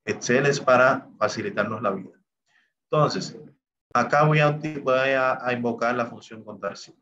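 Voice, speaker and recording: In this recorded screen-share lesson, an Excel instructor with a mid-range voice talks through each step the spreadsheet software performs at a normal speed, often saying "bien" and "entonces" as he moves along. The audio is lo-fi, with a little hiss or hum.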